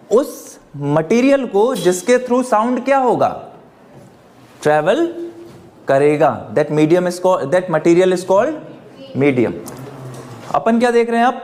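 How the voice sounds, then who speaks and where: A man's voice: sits high, big pitch swings, takes it slowly, a little mellow. A man teaching a class. He keeps asking the students questions and answering them himself, and mixes English phrases into his talk. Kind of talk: classroom lecture.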